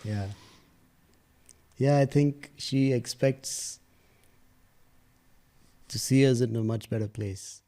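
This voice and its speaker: A man, a podcast guest telling personal stories in a hesitant, reflective way that trails off into soft asides. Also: mid-range voice, slow, long pauses. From India.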